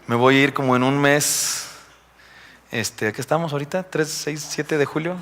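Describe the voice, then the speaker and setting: A man's voice: fairly high pitch, moderate pace, fairly bright tone. A young man with a Mexican Spanish accent, giving a chatty, confiding sermon and joking with his congregation. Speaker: preacher. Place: church hall. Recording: live stream in a reverberant church.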